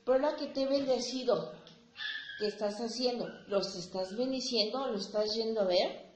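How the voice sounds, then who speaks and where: A woman preacher giving a sermon, speaking deliberately and asking the congregation rhetorical questions. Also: fairly high pitch. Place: church hall. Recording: echoey room with faint ambient noise.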